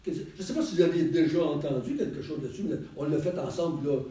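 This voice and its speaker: A man's voice: fairly high pitch, fast, warm tone. A man with a Quebec French accent leading a group Bible study in a chatty, digressive way, laughing often. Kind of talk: casual group Bible teaching. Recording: roomy echo, mic far off.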